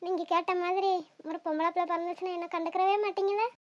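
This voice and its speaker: Shy teasing young cartoon wife, very high squeaky voice, soft-spoken, dull dry recording. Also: female voice, flat delivery, quick pace.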